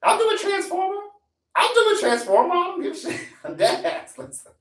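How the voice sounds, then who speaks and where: A man in his twenties hosts a live stream, ranting casually and profanely and repeating lines for emphasis. His very high voice swings hugely in pitch at a slightly fast pace, picked up far from the mic in an echoey room.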